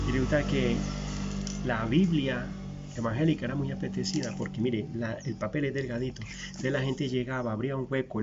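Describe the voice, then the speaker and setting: Gravelly preacher, folksy and direct. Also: male voice, mid-range voice, a little mellow, a little hiss or hum. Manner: folksy, asks listeners rhetorical questions, builds long repeated lists. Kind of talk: conversational sermon. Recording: dull lo-fi recording.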